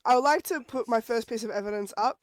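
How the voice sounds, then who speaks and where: A woman plays a prosecutor in a playful game role-play. Her voice sits on the high side, and she hesitates and restarts often. The sound is dry and close. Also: fast talker, dry recording.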